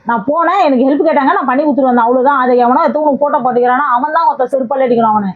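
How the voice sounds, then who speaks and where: மிக வேகமாகப் பேசும், உயர்ந்த குரலுள்ள ஒரு பெண். அவள் வாக்குவாதத்தில் சுருக்கமாகவும் தற்காப்பாகவும் பதில் சொல்கிறாள். ஒலி தொலைபேசியில் வருவது போல மெலிதாகக் கேட்கிறது. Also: female voice, sits high, rapid-fire. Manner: defensive, curt, dismissive. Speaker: vlogger in a staged argument. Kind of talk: heated confrontation. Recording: tinny phone-like sound.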